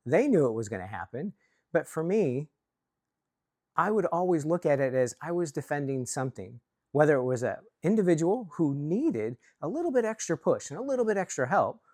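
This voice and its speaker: A man's voice: fairly high pitch, a little mellow, no room sound, clean studio sound. A man from Chicago giving an earnest, self-reflective talk to camera about workplace leadership, often restarting his words. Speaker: leadership coach.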